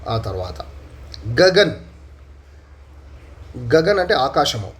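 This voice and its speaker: A man with a Telugu accent teaching a Hindi lesson, explaining slowly and repeating words and example sentences. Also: fairly high pitch, sing-song.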